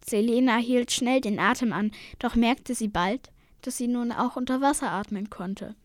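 A woman reading a storybook aloud in a steady, expressive way. Her voice sits a little high for a woman, and the recording is close and dry. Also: moderate pace, dry recording. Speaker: narrator.

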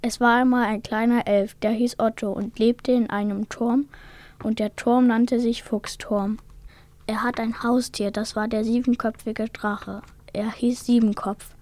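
Woman reading a kids fairy tale, slow and dry. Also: a little high, little pitch movement, darkish tone, no echo. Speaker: storyteller. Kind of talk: reading a children's story aloud.

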